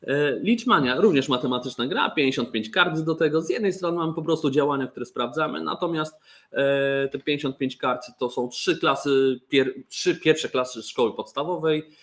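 A man's voice: a little high, moderate pace, fairly bright tone. A man casually presenting board games, joking and often restarting his sentences. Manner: chatty, joking, with fillers and restarts. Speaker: toy company presenter.

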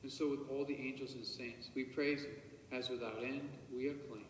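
Celebrating Mass in a large church, a male priest recites liturgical prayers in a steady, mid-range voice, slow and solemn, with quiet murmured private prayers. A camera far away picks him up amid heavy echo and a faint hiss.

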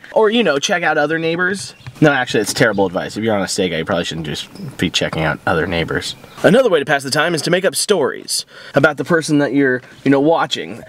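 A man's voice: fairly high pitch, fairly bright tone, a little hiss or hum. A man playing a drunk, heartbroken detective. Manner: rambling, crude and self-pitying, swearing often. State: drunk and weepy. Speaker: comedy web host playing a detective. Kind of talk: improvised comedy monologue. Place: parked car.

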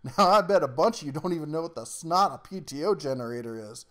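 Male tool-channel host, slightly high voice, rambling down-home delivery, easy chuckles. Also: expressive, quick pace, a bit bright. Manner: folksy, rambling, chuckles often; down-to-earth workshop slang. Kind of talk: casual product rundown.

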